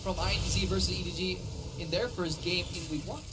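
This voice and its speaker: A man's voice: high voice, steady tone, a little fast. A man giving emphatic, explanatory analysis as a commentator on an esports match. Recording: music under the voice. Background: music.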